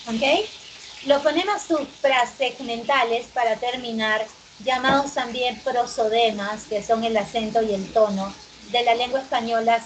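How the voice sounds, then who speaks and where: Woman, pre-university teacher, exam review, self-quizzing, brisk, higher voice, noisy background hiss. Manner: quizzes herself aloud, answers briskly. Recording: noisy recording with background hum.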